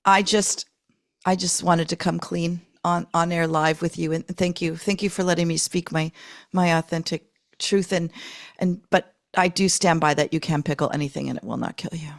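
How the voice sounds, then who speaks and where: A woman's voice: high-pitched, animated, normal speed, fairly bright tone. Woman putting on a folksy fake-Texan pickler. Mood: sheepish apology. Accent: put-on Texas accent. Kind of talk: improvised comedy podcast interview.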